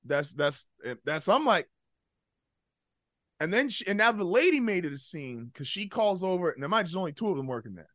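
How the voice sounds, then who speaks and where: Animated, profane man telling a story. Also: sits high, moderate pace, dry recording, clean studio sound. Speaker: podcast co-host. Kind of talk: casual storytelling chat.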